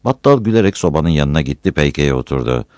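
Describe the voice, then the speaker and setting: A man with a deep, low voice narrates a village story, his pitch rising and falling in a lively way. The recording is dry and close, with no room sound. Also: fast talker, no echo.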